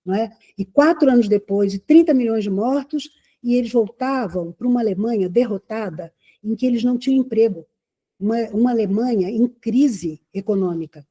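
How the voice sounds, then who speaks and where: Speaking fairly quickly, this Brazilian woman from Rio de Janeiro gives an audience a lecture in a conversational style. Though her pitch sits fairly high, the tone is very dark and mellow, edged with huskiness, and she keeps posing rhetorical questions to check in.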